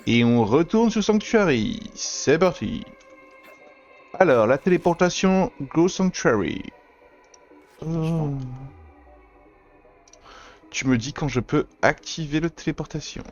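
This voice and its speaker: A man's voice: on the high side, lively intonation, slow pace, long pauses, darkish tone. Casual male gamer, slightly dull mic. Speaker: let's play host. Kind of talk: casual gaming commentary. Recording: dull, band-limited mic. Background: game music.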